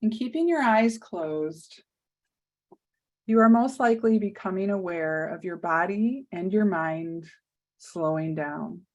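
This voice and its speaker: A woman guides a meditation in a soft, soothing, fairly low voice, leaving long pauses. The recording's highs are cut off.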